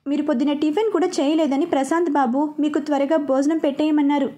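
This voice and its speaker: A woman's voice: high-pitched, steady tone, fast talker, dark tone, close to an everyday voice. A woman voicing a polite, dutiful housemaid in a storybook reading.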